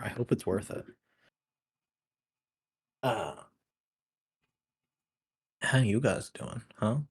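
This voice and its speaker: A man guesting on a live stream chats casually, his fairly low, slightly mellow, husky voice worn from a long day of talking. He has a slight lisp, swears offhandedly, and is self-deprecating.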